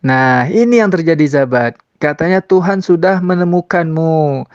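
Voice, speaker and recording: A man delivers religious commentary in a preachy tone, often turning to his listeners and chanting verses slowly. His delivery breaks into mocking laughter now and then. The recording is dry and a little dull. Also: high-pitched, darkish tone, dry recording.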